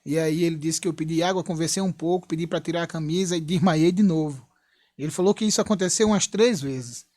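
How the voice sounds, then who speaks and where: A man's voice: fairly high pitch, fast, a little mellow, dry recording. A young Brazilian man earnestly telling a personal testimony in church, retelling events with frequent asides. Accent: Brazilian Portuguese. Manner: earnest, repetitive storytelling with frequent "né?". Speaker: church member giving testimony.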